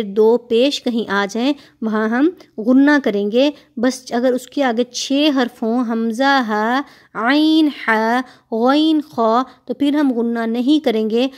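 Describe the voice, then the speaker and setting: A patient woman with a Pakistani Urdu accent leads a tajweed lesson in a slightly high, darkish-toned voice. She explains how each letter should sound, then recites the verses slowly, drawing out the vowels.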